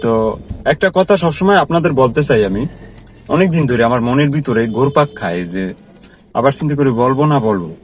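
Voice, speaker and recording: A man's voice: mid-range voice, animated, moderate pace. A man who works as a car driver, telling a personal story to his viewers in an earnest, repetitive, conversational way. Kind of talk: casual storytelling vlog.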